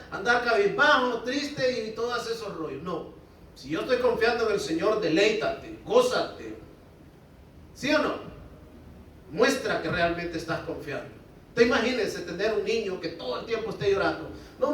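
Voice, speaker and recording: A man's voice: high voice, fairly bright tone, very echoey, recorded from a distance, slight background noise, low-quality recording. A male pastor preaching a sermon in a conversational way, often asking the congregation to respond. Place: church hall.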